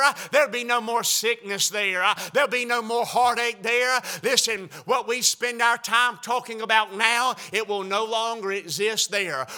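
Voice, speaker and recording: A man's voice: high-pitched, bright, forceful tone. A male pastor preaching a sermon, fervent and repetitive, with rhetorical questions and joking asides to the congregation.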